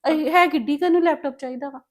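A woman playing a strict mother, high voice, rapid scolding, family drama. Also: close to an everyday voice. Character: strict young mother, firm with stubborn daughter.

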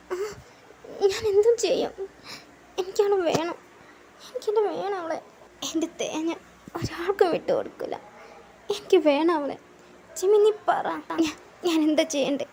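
A woman's voice: extremely high pitch, a little slow, pauses often, warm tone, slight background noise, pitched above the performer's own voice. A woman voicing a lovesick, tearful young man who stammers, pleads and breaks into sobs in a fan audio drama. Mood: desperate.

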